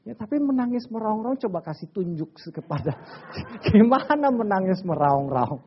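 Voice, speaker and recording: Animated preaching man, lo-fi sound. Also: high voice, moderate pace, very noisy. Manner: swings from quiet asides to loud emphatic bursts. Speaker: pastor. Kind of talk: lively sermon with stories and audience banter. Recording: slightly dull lo-fi church recording.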